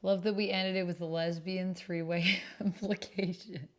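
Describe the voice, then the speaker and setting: A woman hosts an actual-play livestream, talking at a normal pace in a lowish voice with little pitch movement. Her chat is casual and reactive, delivered in a playful, exclamatory way.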